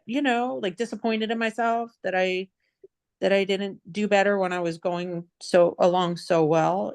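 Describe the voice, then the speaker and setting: A woman in an online class shares her feelings in a halting, emotional way, full of "you know", over a video call. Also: lowish voice, vocal fry, no room sound. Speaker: class participant. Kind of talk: personal sharing.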